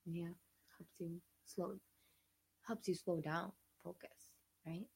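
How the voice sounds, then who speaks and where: A woman in her thirties hosts a casual livecast while sick and losing her voice, rambling, laughing, and sometimes dropping to a whisper. Her lowish voice is gravelly, a little mellow, and breathy at the edges, with a steady tone and slow pace. The recording is rough.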